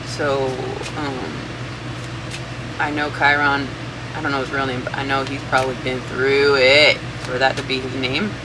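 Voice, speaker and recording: Tarot channel host, medium-pitched, unhurried and rambling, loose informal language, noticeable fan whir behind the voice. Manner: informal, sweary, halting, thinking aloud. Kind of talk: casual rambling tarot reading. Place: room with a fan running. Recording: steady fan noise throughout.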